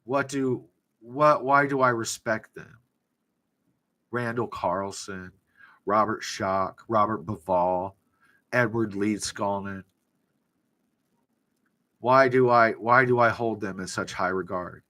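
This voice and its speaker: A man hosting a casual livestream monologue, talking bluntly and profanely with animated sarcasm. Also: fairly low pitch, takes it slowly, long pauses. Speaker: livestream host and author.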